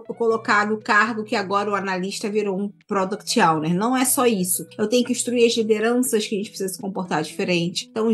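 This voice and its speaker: Woman, Brazilian Portuguese accent, emphatic, somewhat high voice, podcast talk. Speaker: podcast guest expert. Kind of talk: podcast discussion.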